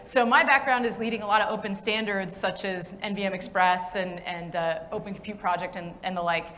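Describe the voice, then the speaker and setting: A woman's voice: medium pitch, steady tone, brisk, fairly bright tone. A woman hosting a conference breakfast, upbeat and friendly, with fillers and restarts. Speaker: event host and facilitator. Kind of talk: welcoming talk to a breakfast audience. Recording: long hall reverb.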